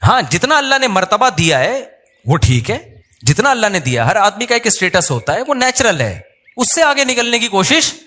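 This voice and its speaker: Lively, slightly high-voiced male preacher. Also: moderate pace. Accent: Pakistani Urdu. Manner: conversational, humorous storytelling with acted quotes. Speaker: Islamic preacher. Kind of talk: sermon.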